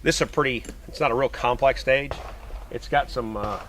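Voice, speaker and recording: Man, competitive shooter, plain mid-pitched voice, matter-of-fact walkthrough outdoors, on a camera mic with noise behind him. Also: normal speed, a bit bright. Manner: matter-of-fact, explanatory, counts out shot sequences. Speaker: competitive pistol shooter and vlogger. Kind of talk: casual on-location walkthrough. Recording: noisy outdoor camera audio.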